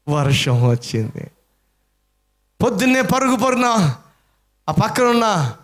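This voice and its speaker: A man's voice: extremely high pitch, a bit bright. A man preaching a sermon, telling a story dramatically with acted-out voices and rhetorical questions to the congregation. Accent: Telugu-speaking Indian.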